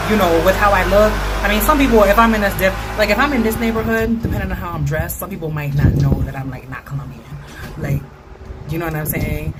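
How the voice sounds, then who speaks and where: In a casual vlog monologue, an American woman with a low voice talks in an informal, slangy way, like everyday conversation. The vlogger's recording carries clear ambient noise behind her.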